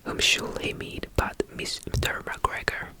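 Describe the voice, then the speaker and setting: Soft whispering ASMR caretaker. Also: takes it slowly. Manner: whispered, soft and soothing, with gentle repeated phrases. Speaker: ASMR roleplayer. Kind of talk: ASMR caretaker roleplay with a bedtime story reading.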